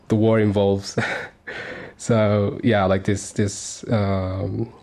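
A man's voice: on the low side, level tone, drawn-out words, darkish tone. A man in his thirties from Sudan, speaking as a guest on a community radio interview, earnest and hesitant with many fillers and restarts. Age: 30s.

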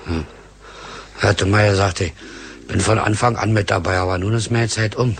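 An earthy, fatalistic army cook played by an actor in a radio war play. He talks in a low voice over faint noise. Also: steady tone, moderate pace, lightly acted. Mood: resigned. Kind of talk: radio war drama acting.

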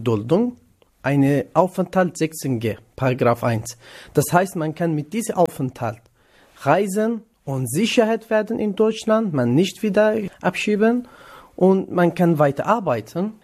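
A young man from northern Iraq, talking in a radio interview. His voice sits a touch higher than most men's. His German is halting, with many pauses and fillers. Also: a little mellow. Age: 20s. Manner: hesitant non-native German with many fillers. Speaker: interviewee, trainee cook.

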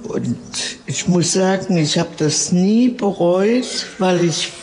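A woman in her seventies, a resident of assisted living, answering interview questions in a relaxed, chatty way. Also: fairly low pitch, takes it slowly, low-quality recording. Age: 70s. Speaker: care home resident.

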